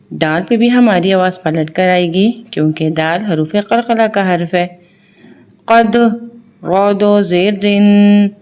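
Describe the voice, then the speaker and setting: A woman's voice: on the low side, darkish tone. A woman teaching children to read, spelling out letters and vowel marks one by one, then explaining each rule. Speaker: Quran reading teacher. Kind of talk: children's recitation lesson.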